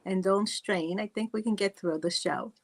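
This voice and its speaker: A woman's voice: medium pitch, moderate pace, a loud crowd. A middle-aged woman from Italy hosting a faith talk show, speaking earnestly and personally, often adding "right?" and "you know". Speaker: podcast host.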